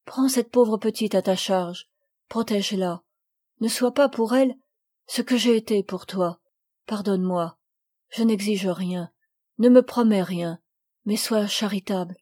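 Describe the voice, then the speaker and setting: A woman's voice: mid-range voice, mellow, close to an everyday voice. A woman reading as a dying, remorseful older woman. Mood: pleading. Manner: broken, halting speech.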